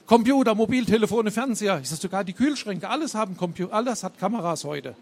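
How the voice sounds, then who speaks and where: A man's voice: high voice, animated, fast talker, a little mellow, slightly rough, voice pushed up, heavily acted. A man voicing a nervous, paranoid male bomb maker who rants about being watched. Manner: frantic ranting.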